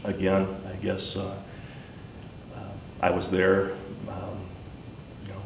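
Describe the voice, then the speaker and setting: Middle-aged man, deep voice, creaky fry, hesitant informal storytelling, roomy distant recording. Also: completely flat delivery. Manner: halting, hesitant, pausing often mid-sentence. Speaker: school superintendent, former teacher. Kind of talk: personal account, informal talk. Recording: roomy, distant mic, faint rumbling noise.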